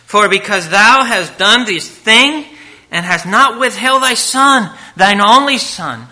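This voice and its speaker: A male preacher speaking into a pulpit microphone, his voice sharp and bright with a slightly raised pitch. He takes his time, earnestly reading scripture and moving between forceful emphasis and quiet asides. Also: animated, takes it slowly. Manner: earnest, reads scripture aloud, swings between loud emphasis and hushed asides. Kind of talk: sermon to a live congregation.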